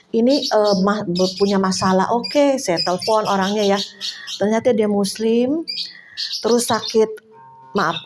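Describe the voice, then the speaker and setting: Older woman preacher, higher voice, chatty emotional sermon style, soft music underneath. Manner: conversational, emotional storytelling with laughs. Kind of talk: sermon testimony. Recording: faint music behind. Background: soft instrumental music.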